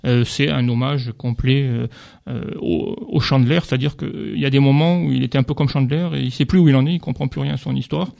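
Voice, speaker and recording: A man talks through crime novels in a relaxed radio chat, his voice gravelly with fry. He hesitates often, filling gaps with pauses while he hunts for the right word. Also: mid-range voice. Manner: hesitant, searching for words with many fillers. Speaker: book reviewer.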